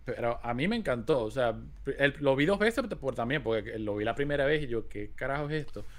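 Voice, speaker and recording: A man of middle pitch co-hosts a casual chat about a series. He rambles, searches for words and restarts his sentences often, with a plain, even voice. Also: fairly quick. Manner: rambling, with many restarts and fillers. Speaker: co-host.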